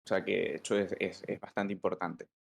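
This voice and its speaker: Male doctor guest, lowish voice, reflective and hedging. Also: level tone, brisk, gravelly, slightly rough. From Venezuela. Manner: thoughtful, hedging, with fillers. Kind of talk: interview answers.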